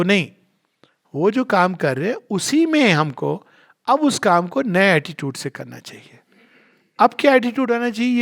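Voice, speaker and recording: A middle-aged man with a fairly high voice answers questions in a spiritual discourse. He explains things earnestly and tells stories along the way. He moves freely between Hindi and English.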